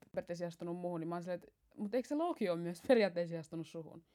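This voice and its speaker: A woman's voice: fairly low pitch, animated, dark tone. A young woman co-hosting a podcast with her twin, chatting casually and laughing often, dropping English phrases into her speech. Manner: giggly, mixes English phrases into Finnish. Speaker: podcast co-host. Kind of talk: casual chat.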